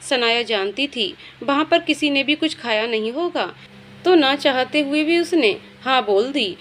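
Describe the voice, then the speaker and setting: A woman narrating a scripted story in a steady, plain storytelling manner. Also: high voice, unhurried, slight background noise.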